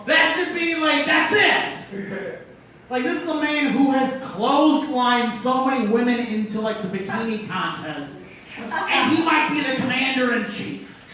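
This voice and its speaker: A man's voice: very high voice, expressive, unhurried, pushed and bright, distant mic, slight background noise. A man doing a stand-up comedy set on a club stage, riffing loosely and making fun of himself. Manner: riffing, loose and self-mocking. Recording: echoey room, voice from afar.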